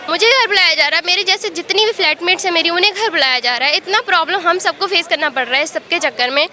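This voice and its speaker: A woman's voice: extremely high pitch, fast talker, pushed and bright, some chatter behind. A young woman from Uttar Pradesh, an exam aspirant giving a street interview outdoors at a protest, talking earnestly and upset in long runs. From Uttar Pradesh, India. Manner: earnest, upset, speaks in long runs mixing English words.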